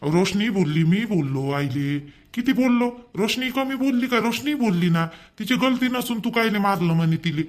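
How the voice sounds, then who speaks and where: A man, playing a young husband who coaxes his crying wife to calm down. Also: high voice, moderate pace. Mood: pleading. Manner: pleading, coaxing. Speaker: actor in a family drama. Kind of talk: amateur family drama acting.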